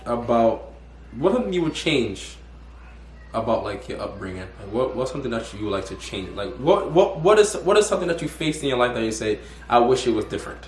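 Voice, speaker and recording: A young man with a medium-pitched voice hosts a casual interview in an echoey room with slight background noise. He rambles, restarting his questions and repeating words.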